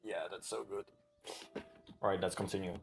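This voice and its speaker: A man's voice: sits low, fairly even intonation, moderate pace, creaky, music in the background. A man with a lisp who pronounces th as f, chatting casually as he plays a game with friends. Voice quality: lisp, says th as f. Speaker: player reading game events aloud to chat. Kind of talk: casual gaming commentary with friends.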